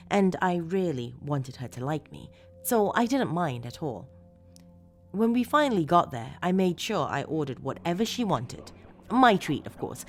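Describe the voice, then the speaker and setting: A woman narrating a first-person horror story as a disturbed, obsessive woman who confides with eager, unsettling fondness, dramatically and with deliberate pauses. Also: sits low.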